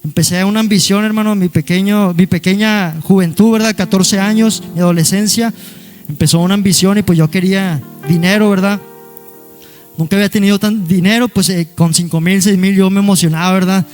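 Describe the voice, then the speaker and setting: A young man with a high-pitched voice tells his story to a congregation. He talks haltingly, repeating words and dropping in short asides to his listeners. Soft instrumental music plays quietly behind him. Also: fairly even intonation. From Monterrey area, Mexico. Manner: halting, repeats words, keeps adding "hermano" and "¿verdad?"; peppers his talk with "aleluya". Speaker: guest giving a church testimony. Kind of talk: personal testimony to a congregation.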